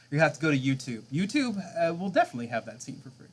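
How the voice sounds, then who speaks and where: A man in his thirties, a game streamer, chatting casually with his viewers late at night, chuckling often as he answers chat. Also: a little high.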